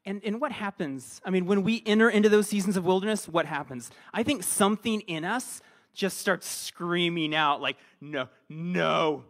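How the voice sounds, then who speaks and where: High-voiced man preaching conversationally. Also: moderate pace. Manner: playful, self-deprecating, drops to hushed near-whispers. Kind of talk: conversational sermon. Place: church gathering.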